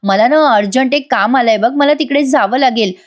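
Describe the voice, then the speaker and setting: A woman's voice: fairly high pitch, moderate pace, lightly acted. A woman reading the lines of a scheming young woman urgently making excuses on the phone. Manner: urgent, evasive.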